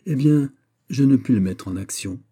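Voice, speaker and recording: A man's voice: mid-range voice, animated, normal speed, warm tone, slightly rough. A man voicing a teasing, mocking young woman in an audiobook. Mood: playful. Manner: mocking, playful.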